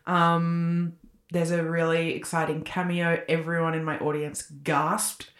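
A woman's voice: low-pitched, little pitch movement, unhurried. A woman in her thirties, co-hosting a podcast in a casual, rambling chat full of likes and ums. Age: 30s. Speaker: podcast co-host. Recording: echoey room.

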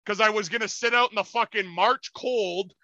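A young man with a very sharp, bright tone tells a story in casual, profane chat. He talks over a video call, and the sound is dry and close with no room echo. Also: high voice, normal speed, dull audio. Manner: animated, profane, acts out quotes in loud voices. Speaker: podcast co-host.

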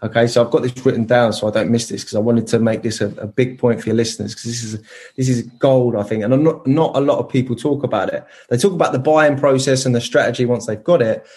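A man in his thirties appears as a podcast guest, casually laying out his plans in a medium-pitched, slightly mellow voice. He's enthusiastic, restarting often and using many fillers.

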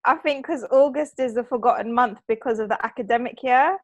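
A woman's voice: fairly high pitch, brisk. A woman co-hosting a podcast, chatting casually and enthusiastically. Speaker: podcast co-host. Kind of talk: casual chat.

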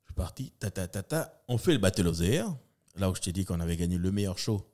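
Quick and mellow, with lively intonation, the man spins animated tales from his life in comedy and entertainment. He comes from New Caledonia and, as a guest, voices the people in his stories, swinging his pitch far up and down.

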